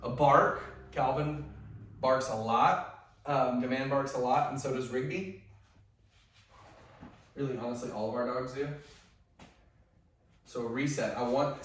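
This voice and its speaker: A male dog trainer with a loud, medium-pitched voice gives a hands-on training demonstration, talking in an instructive, conversational way and dropping to soft commands for the dog. The room is very echoey, and the mic is at a distance.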